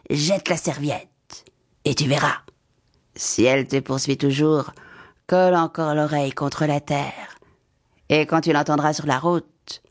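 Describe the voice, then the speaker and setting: Slow, deliberate talking cat, voiced by a woman narrator. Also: low-pitched. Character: thin wise house cat, male.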